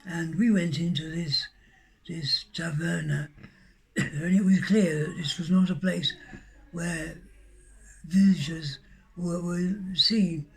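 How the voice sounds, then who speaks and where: A man hosting a monk's podcast, telling a rambling personal anecdote in a halting way, with restarts and occasional coughs. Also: a little high, steady tone, vocal fry, husky. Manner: gentle closing blessing. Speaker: monk podcast host.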